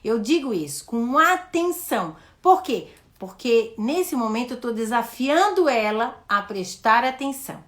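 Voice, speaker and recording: Animated Brazilian woman teaching slowly. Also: a little high. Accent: Brazilian Portuguese. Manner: explanatory, models questions to a child with slow emphasis. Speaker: educator hosting a live session. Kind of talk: live teaching talk.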